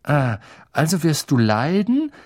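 A hesitant, dry-humored teenage schoolboy, as a male narrator puts him on. The voice sits above the reader's own, slightly husky. He speaks slowly, feeling his way. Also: on the high side, big pitch swings, voice pushed up, heavily acted. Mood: wry. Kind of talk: audiobook reading.

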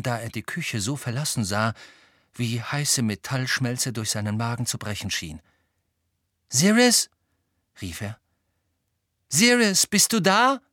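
A man reading an audiobook in measured, even scripted narration. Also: medium pitch, no room sound, studio quality.

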